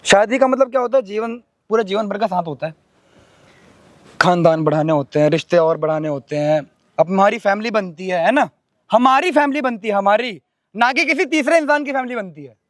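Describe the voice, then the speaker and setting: A bitter, taunting young husband, played by a man in a staged domestic drama. His voice is unusually high for a man, and the recording is dry and close. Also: expressive, brisk, no echo. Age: young adult. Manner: sarcastic, taunting.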